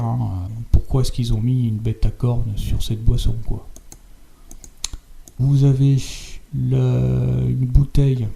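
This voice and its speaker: A man's voice: medium pitch, vocal fry, mellow. A man commenting over images in a video, hesitant and insistent, stumbling over repeated words and ending phrases with tag questions. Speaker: video host.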